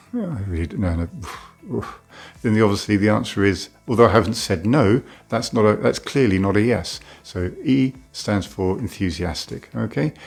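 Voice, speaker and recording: A man's voice: on the low side, gravelly. A male doctor giving a frank educational talk to camera, plain-spoken and full of "uh" fillers.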